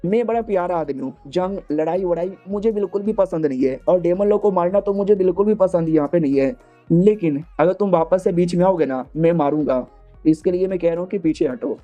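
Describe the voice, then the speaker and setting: A man voicing a smug, self-assured human king who talks down smoothly in a manga recap. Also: high-pitched, a little fast, dull audio, faint music behind, lightly acted. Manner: smooth-talking, condescending.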